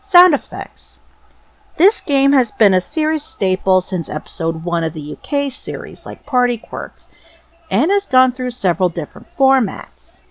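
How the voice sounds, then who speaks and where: Lively woman narrating fan commentary. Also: a little high, normal speed. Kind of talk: scripted narration.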